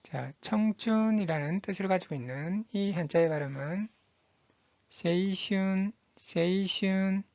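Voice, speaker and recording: A woman teaching Japanese vocabulary, reading each word slowly and repeating it twice in a patient, methodical drill. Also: on the low side, mellow, dry recording, dull audio. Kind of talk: slow, deliberate vocabulary drill.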